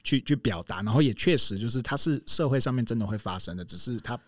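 A man's voice: mid-range voice, animated, fast talker, no room sound. A man co-hosting a podcast in casual chat, telling long rambling stories full of restarts. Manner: rambling storyteller with many restarts and laughs.

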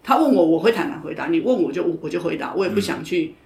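A woman's voice: on the low side, animated, fast, vocal fry, a little mellow. Woman coach, blunt and emphatic, recorded in a roomy space. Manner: frank, emphatic, often repeats herself. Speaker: judo coach and podcast guest. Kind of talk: casual interview chat. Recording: roomy echo.

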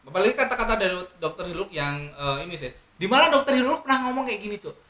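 Eager young man, high bright voice. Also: animated, rapid-fire. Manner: eager, swears often, asks questions. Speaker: podcast host. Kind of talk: casual chat. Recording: echoey room.

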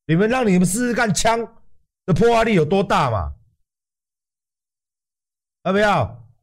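A man with a Taiwanese Mandarin accent, hosting a livestream and ranting in a heated, profane and animated way. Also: sits high, measured pace. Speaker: livestream host.

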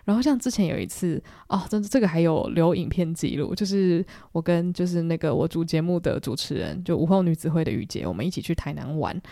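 A young woman from Taiwan with a Taiwanese Mandarin accent, hosting a podcast and telling self-mocking stories in an animated way. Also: fairly low pitch, fast talker, creaky, few pauses, no room sound, studio quality. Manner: animated, self-mocking, acts out quoted lines. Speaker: podcast host. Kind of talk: solo storytelling chat.

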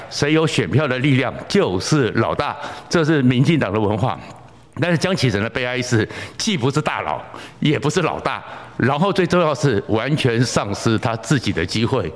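A man's voice: mid-range voice, big-room sound. A man hosting political commentary in an emphatic, lecturing way. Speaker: host.

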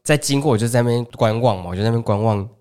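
Male podcast host, quick storyteller, lively. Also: mid-range voice, clean tone. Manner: animated, acts out the people in his story. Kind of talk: casual storytelling chat.

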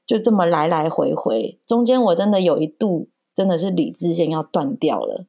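Woman from Taiwan telling a lively story. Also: fairly low pitch, moderate pace, gravelly. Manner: animated storytelling, acting out her child's and her own lines. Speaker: guest mother. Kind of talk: casual podcast chat.

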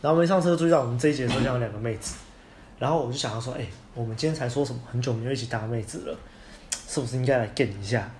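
Taiwanese guy cohosting a podcast, talks fast and swears casually, faint noise behind. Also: medium pitch. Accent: Taiwanese Mandarin. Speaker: podcast co-host. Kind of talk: casual chat.

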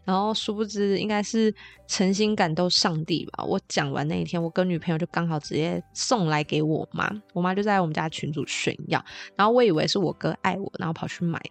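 Chatty Taiwanese woman with gravelly fry. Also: on the low side, fairly even intonation, a little fast. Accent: Taiwanese Mandarin. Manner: chatty, playful, exaggerated retelling. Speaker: podcast host. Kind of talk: casual podcast storytelling.

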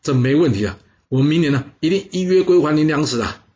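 A man's voice: a little high, animated, fast talker, a little mellow, highs cut off, voice pushed up, lightly acted. A man doing a clever, deferential advisor. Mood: reassuring.

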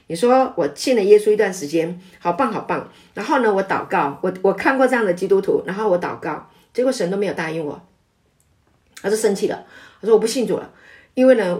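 A middle-aged woman pastor giving an animated sermon, often ending her phrases with a drawn-out "ah". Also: mid-range voice. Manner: animated preaching with frequent filler "啊".

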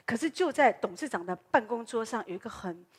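Husky-voiced woman pastor telling a story. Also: a little high, fairly quick. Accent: Taiwanese Mandarin. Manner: lively storyteller, peppers lines with "ha" tags. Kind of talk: sermon with personal storytelling. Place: church.

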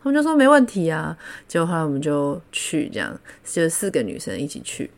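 A woman from Taiwan with a Taiwanese Mandarin accent, hosting a podcast and telling stories in a casual, animated way, laughing often. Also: low voice, brisk, creaky. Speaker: podcast host. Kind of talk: casual storytelling.

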